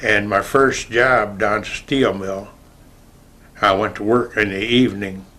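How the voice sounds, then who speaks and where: Bright-voiced older American man, slow and reminiscing. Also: lowish voice, fairly even intonation. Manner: rambling, halting storytelling with pauses to recall. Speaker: oral history interviewee. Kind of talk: casual spoken reminiscence.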